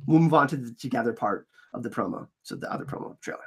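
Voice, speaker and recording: Talking fast in a medium-pitched, creaky, slightly rough voice, this fan channel host gives casual trailer breakdowns. His excitement and enthusiasm come through, though allergies make him sound a bit scratchy.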